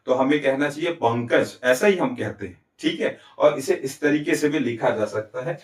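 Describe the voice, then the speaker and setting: A man with an expressive mid-range voice, speaking at normal speed, explains Hindi grammar step by step in a Chhattisgarh accent, posing questions and answering them himself. He frequently checks comprehension with "ठीक है?" and "है ना?"; the sound is distant and echoey.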